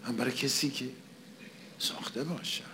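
A man's voice: mid-range voice, fairly even intonation, background noise. Man giving a conversational sermon. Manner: poses and answers his own rhetorical questions; repeats phrases for emphasis. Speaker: preacher.

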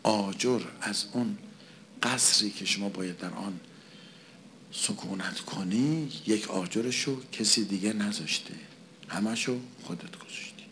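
A man's voice: lowish voice, a bit bright, a little hiss or hum. Man giving a conversational sermon. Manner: poses and answers his own rhetorical questions; repeats phrases for emphasis. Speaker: preacher.

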